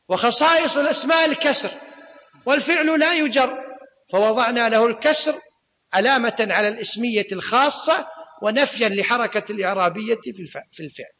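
A man's voice: very high voice, bright, forceful tone. A man teaching a class, quizzing his students and repeating key points. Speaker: teacher of Islamic law and grammar. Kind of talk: classroom lecture. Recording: long reverb of a lecture hall.

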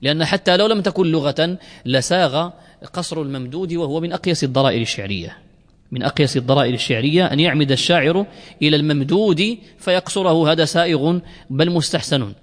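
A man with a fairly high voice gives a grammar lecture to a room of students. He works through each point slowly, repeats key words and stretches out his pauses. The sound rings with long reverb from a lecture hall. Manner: explains slowly, repeats words, drawn-out fillers. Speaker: Arabic grammar teacher. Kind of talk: classroom lecture.

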